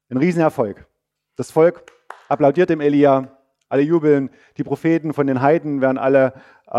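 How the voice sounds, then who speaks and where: A man delivers a sermon as a lively, chatty story and turns again and again to speak to his listeners directly. His voice sits in a middle register with a warm, mellow tone. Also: medium pitch. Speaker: preacher.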